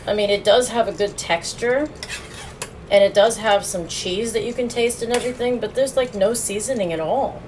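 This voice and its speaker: A woman's voice: medium pitch, normal speed, darkish tone, slight background noise, low-quality recording. A woman streaming a casual food review, chatting with her viewers and laughing often as she eats, recorded on a phone. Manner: chatty, laughs often, talks while eating.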